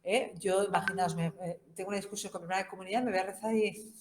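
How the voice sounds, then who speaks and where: A woman's voice: medium pitch, fairly even intonation, fast, noisy background. A woman with a Spain Spanish accent giving an informal Bible course talk, conversational and humorous, often tagging her sentences with questions. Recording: roomy echo.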